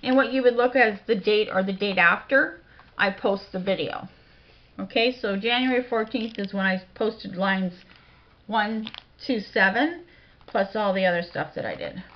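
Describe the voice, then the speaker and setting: A woman blogger talking quietly in a casual home vlog, reading out lists of titles and dates from her home office. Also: mid-range voice, moderate pace. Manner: soft-spoken, quiet delivery. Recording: dull lo-fi home recording.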